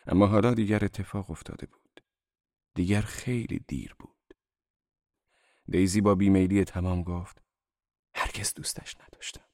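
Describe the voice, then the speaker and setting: Low-voiced guy reading an audiobook, steady and even, dry close sound. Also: long pauses, dry recording. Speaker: narrator. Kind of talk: audiobook narration.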